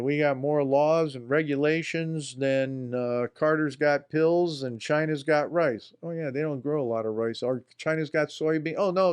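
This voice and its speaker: A man's voice: a little high, darkish tone, clear, resonant tone. A man hosting a political commentary show in a folksy, rambling style, often talking to himself. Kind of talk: casual spoken commentary.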